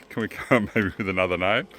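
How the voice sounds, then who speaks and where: A man hosting a casual camping vlog at an outdoor campsite, relaxed and jokey, laughing often. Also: deep voice, normal speed. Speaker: caravan vlog host.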